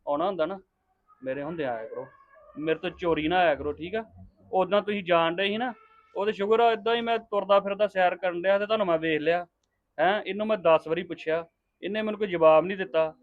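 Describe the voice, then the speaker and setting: A man's voice: high voice, quick pace, close to an everyday voice. A man acting a husband in a family drama, sternly lecturing his mother-in-law. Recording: tinny phone-like sound.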